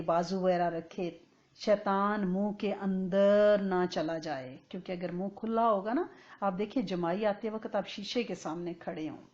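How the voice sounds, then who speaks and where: A woman giving a conversational religious lesson as an Islamic teacher, often checking that listeners follow and chanting Arabic phrases slowly. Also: mid-range voice, a little mellow. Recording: dull lo-fi recording.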